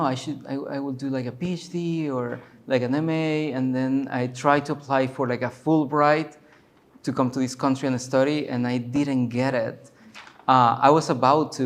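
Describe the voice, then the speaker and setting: A man's voice: medium pitch, gravelly. A man in his forties from Guatemala, a curator giving a loose, chatty talk full of fillers and restarts at a university. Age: 40s. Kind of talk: casual public talk. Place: university lecture room.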